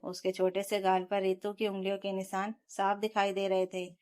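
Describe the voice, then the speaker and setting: Woman storyteller reading a dramatic family tale in first person, steady and emotional. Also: medium pitch, moderate pace.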